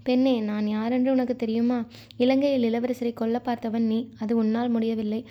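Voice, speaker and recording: A man's voice: very high-pitched, flat delivery, moderate pace, muffled recording. Woman reading a mocking male sorcerer. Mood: taunting.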